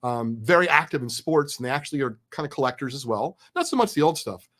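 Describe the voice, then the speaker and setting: A middle-aged man telling a story in an excited, chatty, candid way as a guest. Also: mid-range voice, fast. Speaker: card collecting business guest. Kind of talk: animated storytelling.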